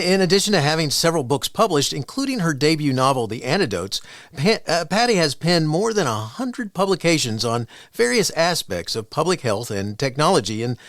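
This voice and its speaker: A man hosting a podcast, his pitch rising and falling with plenty of movement. He talks in a loose, chatty way, circling back over his own words. The sound is close and dry, with no room around it. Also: fairly bright tone, dry recording. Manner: chatty, repeats words and restarts. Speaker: podcast host. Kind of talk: podcast interview.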